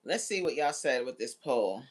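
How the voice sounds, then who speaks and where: A woman in her forties hosts a livestream, chatting casually with viewers and reading their comments in a slangy, teasing, giggly way. Her voice rumbles low with lively intonation and a breathy edge, at a moderate pace.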